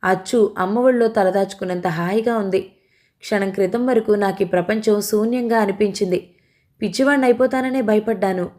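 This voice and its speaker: A woman's voice: mid-range voice, a little fast, a little mellow, natural voice. A woman voicing a troubled young husband, urgent and commanding. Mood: grieving.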